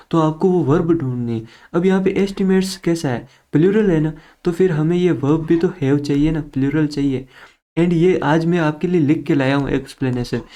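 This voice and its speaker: Chatty man teaching, mellow voice. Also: a little high. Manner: chatty, direct, mixing English into Hindi. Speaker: online exam-prep teacher. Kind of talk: casual Hinglish lesson.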